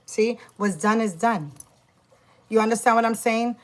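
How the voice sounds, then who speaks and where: A woman's voice: fairly high pitch, a little slow. A woman vlogging about her work as a witch, telling a story in an emphatic, profane way with many restarts. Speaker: spiritual practitioner and YouTuber. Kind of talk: casual vlog storytime.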